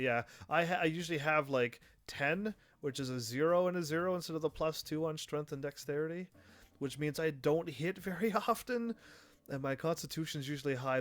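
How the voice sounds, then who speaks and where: A man giving casual live gameplay commentary, rambling and thinking aloud as he plays. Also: mid-range voice. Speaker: game streamer.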